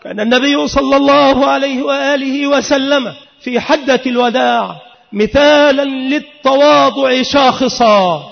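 A man preaching a sermon in an emphatic, rhythmic style that rises into sung and shouted passages. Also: very high-pitched, creaky. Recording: long hall reverb, dull lo-fi sound.

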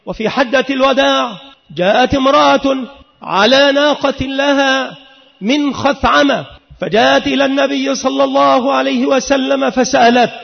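A man preaching a sermon in an emphatic, rhythmic style that rises into sung and shouted passages. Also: extremely high pitch, normal speed, vocal fry. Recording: long hall reverb, dull lo-fi sound.

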